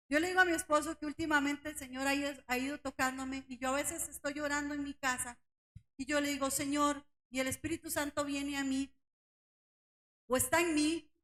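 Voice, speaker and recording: Woman teaching bible study at church, high voice, keeps asking the brothers questions, gets loud and forceful on key lines. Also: low-quality recording. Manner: questions the congregation and calls them brothers; voice rises to near shouting on key points.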